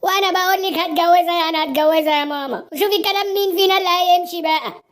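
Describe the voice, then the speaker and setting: A woman's voice: very high-pitched, rapid-fire. Woman voicing a stubborn young Egyptian guy. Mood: insistent. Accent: Egyptian Arabic. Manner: insistent, pleading. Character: stubborn young man wanting to marry.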